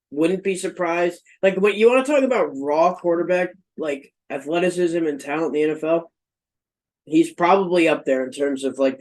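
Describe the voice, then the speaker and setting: A man's voice: a little high, a little mellow, poor audio. A young man co-hosting a casual sports podcast, laid-back and loose, calling people dude and man. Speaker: podcast co-host.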